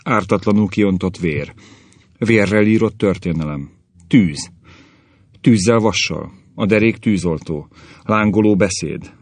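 A man's voice: on the low side, dry recording. A man voicing an eager, long-serving newspaper editor who rattles off stock phrases.

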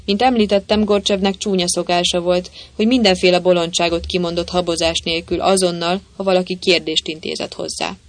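A narrator reading a novel aloud in a lively storytelling manner. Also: mid-range voice, few pauses, no room sound. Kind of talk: audiobook narration.

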